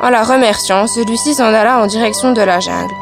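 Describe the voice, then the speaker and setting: Girl reading a fable out loud, steady, kinda high, music in the back. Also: a little fast, gravelly. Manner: steady read-aloud narration. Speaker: storyteller. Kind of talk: school storybook reading.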